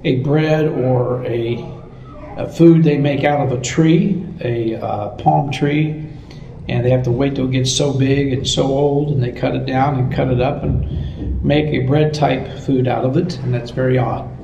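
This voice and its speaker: Brief: male American interviewee, mellow and halting, conversational, recorded off-mic in a roomy space. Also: mid-range voice, steady tone, creaky, lo-fi sound. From United States. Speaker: missions director being interviewed. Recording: roomy echo, distant mic, faint noise.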